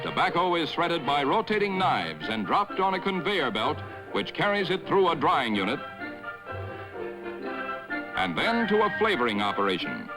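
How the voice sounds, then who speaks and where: A man's voice: on the high side, sing-song, moderate pace. A man in a formal announcer style, narrating an old 1950s newsreel. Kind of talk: scripted corporate newsreel narration. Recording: old newsreel voice-over over loud music.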